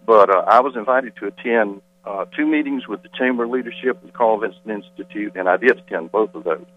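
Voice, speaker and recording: A man's voice: lowish voice, fairly quick. A school board member calling in to a radio interview by telephone, slightly out of breath, insistent as he rebuts claims point by point. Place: quiet hallway off a meeting. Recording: tinny phone line with mains hum.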